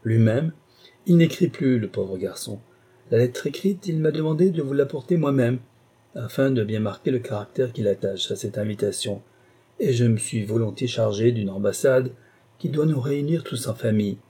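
A man's voice: medium pitch, normal speed, dark tone, husky, natural voice. A man reading an audiobook who voices an irascible, pompous older uncle in an overbearing, indignant manner. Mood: blustering.

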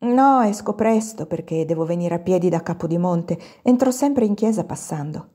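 A woman reading an audiobook and voicing a lovesick, melancholy young schoolgirl in a soft, breathy voice. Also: lowish voice, lively intonation, normal speed. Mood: sad, lovesick. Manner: sad and dreamy.

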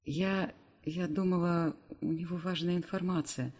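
A man's voice: high-pitched, fairly even intonation, unhurried, darkish tone. A man voicing an impulsive young woman, the heroine of an audiobook. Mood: flustered.

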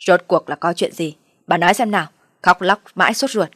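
A woman's voice: low-pitched, little pitch movement, moderate pace, no room sound, clean studio sound. A woman voicing a blunt, impatient older farmer who presses his wife for answers. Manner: gruff, impatient.

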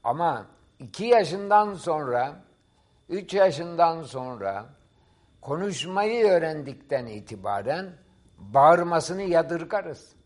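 A man's voice: a little high, sing-song, slow. A middle-aged man, a professor appearing as a guest, explaining ideas in a didactic, emphatic way during a talk-show discussion.

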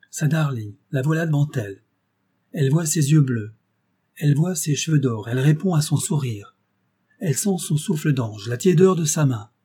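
A male audiobook narrator with a dark, mellow voice. He reads in a measured, expressive way, and his tone has a husky edge. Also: mid-range voice. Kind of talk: scripted narration.

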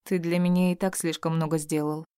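A woman's voice: sits low, little pitch movement, a little fast, dark tone, smooth, no echo, studio quality, close to an everyday voice. Woman reading as a timid, nervous young girl. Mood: flustered. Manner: hesitant, nervous. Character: timid eighteen-year-old girl, nervous and shy.

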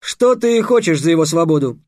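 Мужчина изображает вспыльчивого юного мага. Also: male voice, fairly high pitch, expressive, a little mellow, no echo, clean studio sound, voice pushed up, natural voice. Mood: upset. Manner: exclaiming, quick to take offence. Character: proud, indignant teenage boy apprentice mage.

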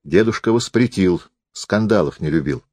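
A man reading a folksy tale aloud in a warm, conversational storytelling manner. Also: sits low, expressive, normal speed, no room sound, clean studio sound. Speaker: reader.

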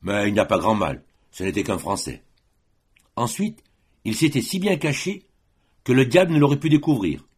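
A man voicing a boastful gendarme sergeant who greets people loudly and with too much friendliness. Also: medium pitch, animated, normal speed, slightly rough. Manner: hearty, loud, overly friendly.

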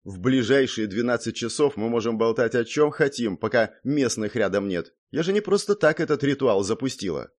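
A man's voice: medium pitch, lively intonation, natural voice. A man reading an audiobook, voicing a brash, teasing young blonde woman who snorts and scoffs. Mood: explaining. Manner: snorting, exclaiming, quick to scoff. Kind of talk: audiobook character voice.

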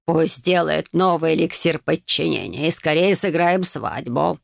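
A woman voicing a frail, scheming old man who talks slowly in a creaky, grating, querulous voice. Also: low voice, dry recording, clean studio sound, exaggerated voice. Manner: slow, hissing, querulous.

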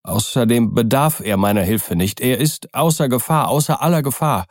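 A man's voice: unhurried, darkish tone, no echo, studio quality, lightly acted. A man reading an audiobook, voicing a frightened, nervous middle-aged doctor in an agitated, pleading tone. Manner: agitated, pleading, higher-pitched.

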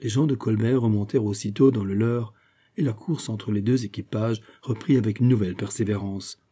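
Dark husky male audiobook narrator. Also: on the low side, steady tone, brisk. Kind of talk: scripted narration.

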